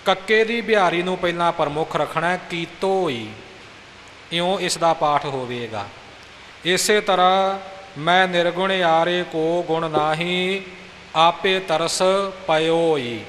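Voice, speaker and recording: A man's voice: fairly high pitch, takes it slowly, a bit bright. A man teaching the correct pronunciation of scripture recitation, patient and instructive, repeating phrases to model them. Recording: hissy recording with long reverb.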